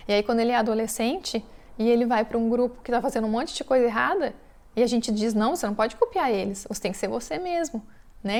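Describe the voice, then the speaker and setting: A woman's voice: a little high, darkish tone. A young adult woman with a Brazilian Portuguese accent, teaching a parenting lesson in a casual, conversational way and often acting out quotes. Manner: conversational, with frequent tag questions and acted-out quotes. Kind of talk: casual spoken lesson to mothers.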